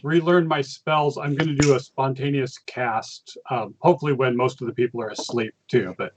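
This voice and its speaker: A man playing a tabletop game, discussing his moves casually in a hesitant, halting way over lo-fi voice chat. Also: mid-range voice, fairly even intonation, noisy background.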